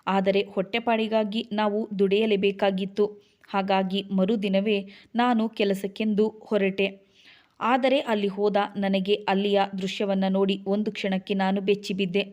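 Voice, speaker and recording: Flat-voiced woman reading a sad story. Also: medium pitch, normal speed. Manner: sorrowful, steady reading. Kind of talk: first-person scripted story narration.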